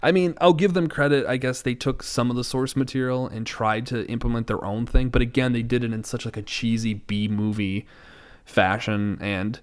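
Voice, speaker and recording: This man co-hosts a podcast and talks pop culture loosely and opinionatedly, often joking or being sarcastic. He speaks at a regular speed in a clear, resonant, medium-pitched voice whose intonation stays fairly level.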